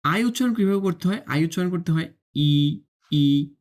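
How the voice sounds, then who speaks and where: Patient teacher drilling sounds. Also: medium pitch. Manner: drills sounds by slow repetition, often checks understanding; demonstrates tongue and breath on camera. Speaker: Mandarin teacher. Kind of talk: online language lesson.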